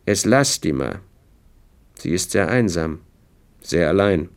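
A man with a deep, gravelly voice voicing a proud, scornful servant who is quick with a knife, in an audiobook. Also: expressive, exaggerated voice. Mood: sly. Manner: sneering, scornful.

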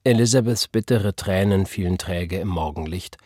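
A man reading an audiobook in a calm, measured narration. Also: deep voice, no room sound, studio quality.

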